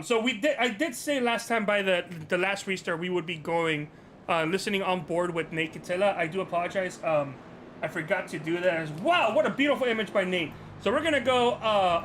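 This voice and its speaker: High-voiced man hosting a casual race stream. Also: fairly bright tone, slight background noise. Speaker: race broadcast host. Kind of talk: casual livestream race broadcast.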